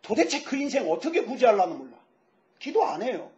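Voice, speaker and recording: A pastor in his fifties preaching a sermon, lively and joking, asking the audience questions. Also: very high-pitched, a little fast. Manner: lively, asks the audience questions, jokes about himself. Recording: dull lo-fi sound.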